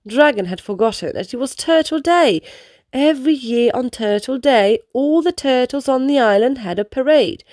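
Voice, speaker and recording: Reading aloud from a children's book, a woman tells the story expressively and spells out its lessons for young ones. Her voice sits high and a little mellow, moving at a moderate pace, with no room sound.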